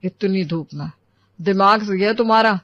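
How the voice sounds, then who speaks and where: Woman playing a teasing young man, cheeky little brother, lowered voice, storybook acting, dry dull recording. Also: normal speed, fairly bright tone, no echo, close to an everyday voice. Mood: grumpy. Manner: teasing, playful.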